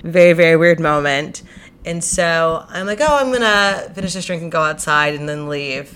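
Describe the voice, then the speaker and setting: A woman's voice: deep voice, a bit bright. A young woman casually retelling a night out, chatty and exasperated, with many fillers. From New York. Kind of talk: casual storytelling.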